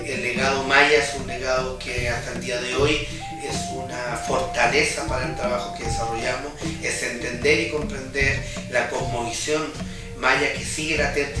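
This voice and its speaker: Man speaking reflectively, roomy distant sound. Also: mid-range voice. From Chile. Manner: reflective, with frequent hesitant "eh" pauses. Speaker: research coordinator. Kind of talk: interview. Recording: roomy, distant mic with background music.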